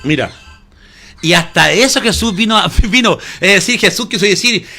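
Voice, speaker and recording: High, lively, bright-voiced male preacher. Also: normal speed, faint music behind. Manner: emphatic preaching, calls listeners "hermano" often; asks the audience rhetorical questions. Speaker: pastor. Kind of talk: sermon.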